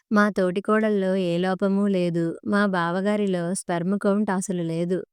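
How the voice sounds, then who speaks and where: A woman tells a first-person story with steady, measured storytelling. Her voice is very smooth and clear. The recording is close and completely dry, with no room sound. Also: medium pitch, dry recording. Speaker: audiobook narrator.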